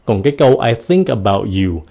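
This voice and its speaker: A man giving a casual video lesson on pronunciation, repeating example words slowly and exaggerating the sounds. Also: lowish voice, sing-song, vocal fry, mellow. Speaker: English pronunciation teacher.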